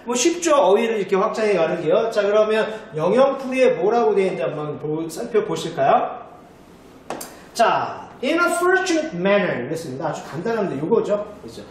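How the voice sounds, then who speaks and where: A male teacher explaining vocabulary with a high, lively voice that swings all over its range. He stays chatty and keeps turning to his students to check that they follow. The sound bounces hard around a very echoey room, with a little faint noise underneath. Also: moderate pace. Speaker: English teacher.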